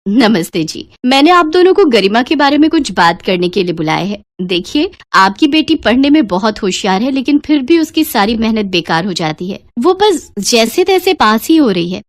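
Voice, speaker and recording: A woman's voice: fairly high pitch, very animated, moderate pace, hardly any pauses, dry recording. A woman voicing a kind, encouraging female biology teacher in a cartoon. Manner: encouraging, warm to pupils. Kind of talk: cartoon voice acting.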